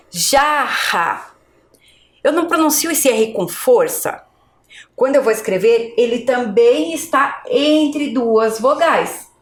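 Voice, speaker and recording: Echoey Brazilian woman teaching children. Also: on the high side. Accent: Brazilian Portuguese. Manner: slow, clear, exaggerated pronunciation for children. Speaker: primary school teacher. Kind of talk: video lesson for children. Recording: echoey room.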